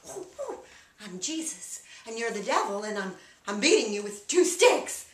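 A woman's voice: medium pitch, very animated, moderate pace, echoey room, far from the mic, natural voice. A woman putting on her giggling, playful wife who squeals silly whoops. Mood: goofy.

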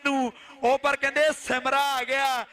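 A man with a Punjabi accent calls a live kabaddi match. His voice sits extremely high and cuts through, piercing and forceful, yet stays on a flat, chant-like level as he declaims and repeats his phrases. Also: a little slow. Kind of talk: live play-by-play sports commentary.

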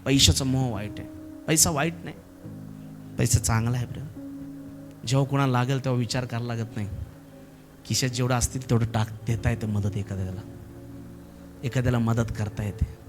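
A man with a Marathi accent preaching a sermon as pastor, impassioned and building to shouted exhortation, leading the congregation in repeated prayer lines. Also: medium pitch, steady tone, brisk, long pauses, music in the background. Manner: leads congregation in repeated call-and-response prayer.

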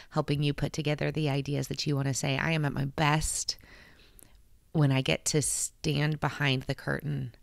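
Talking to camera from her bedroom, a woman in her thirties delivers casual, heartfelt encouragement as a vlog host, frequently restarting and laughing. Her low, gravelly voice is recorded dry through a handheld mic she holds close.

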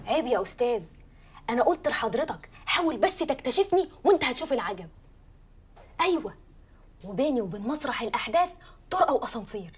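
An actress playing an eager young would-be reporter who rattles on politely and chattily down the phone. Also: female voice, on the high side, sing-song, quick pace, pauses often, a little hiss or hum. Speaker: caller.

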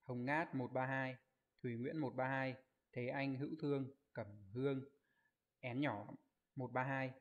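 A man teaching an online Japanese exam review class. He explains each answer step by step, keeps asking his students to confirm, and reads out their comment answers in a quick list. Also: mid-range voice, level tone, dull audio. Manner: explains step by step, asks rhetorical check questions.

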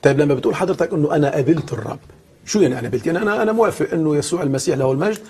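A man's voice: fairly high pitch, animated, very fast, darkish tone, slightly rough. A man with a Levantine accent, a pastor hosting a call-in talk show, asking questions and affirming briefly. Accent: Levantine Arabic. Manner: inquisitive, short affirming interjections. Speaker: host and pastor.

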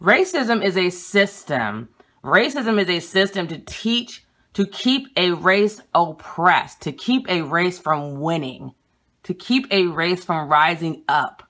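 In a small room at home, a young woman vlogs about her books, holding her phone camera at arm's length. Her low voice is expressive and a bit bright; she's blunt and emphatic, rushing through some lines and slowing down to drive her points home.

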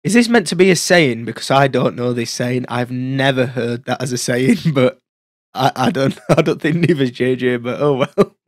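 A man's voice: mid-range voice, moderate pace, dry recording, clean studio sound. A man hosting a reaction video, chuckling through his comments on the clips.

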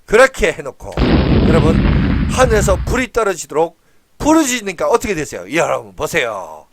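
A male pastor giving a children's sermon, telling a Bible story in an animated way and asking the children questions. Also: on the high side, normal speed, very noisy.

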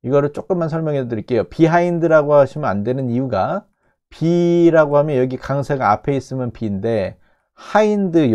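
A man teaching English, explaining a news clip line by line and repeating phrases slowly to break them down. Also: medium pitch, a little mellow.

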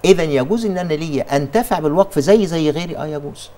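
A man's voice: on the high side, very fast, mellow. A man with an Egyptian accent answering religious questions in a TV studio, explaining with emphasis and frequent restarts.

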